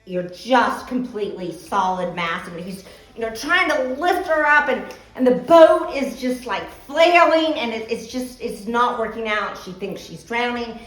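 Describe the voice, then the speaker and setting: A woman telling funny stories about a friend in a casual, animated way, laughing as she goes. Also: a little high, unhurried, few pauses, reverberant, low-quality recording. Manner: animated, laughs while telling, shrieks to act out others. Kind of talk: casual storytelling.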